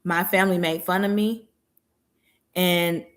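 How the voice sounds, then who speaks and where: A woman's voice: on the low side, steady tone, unhurried. A woman in her thirties hosting a podcast, giving an earnest, reflective monologue full of rhetorical questions and mid-sentence self-corrections. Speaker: podcast host.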